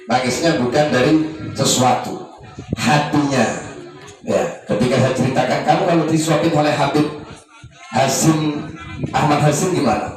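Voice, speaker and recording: A man preaches an informal sermon at a fairly high pitch. His voice climbs and drops as he acts out parents pleading with their children. He is recorded from a distance in a very echoey hall, with faint music behind him. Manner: animated, rising and falling intonation, acting out parents and children. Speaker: ustaz giving advice at a birthday gathering. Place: community hall at an Islamic boarding school.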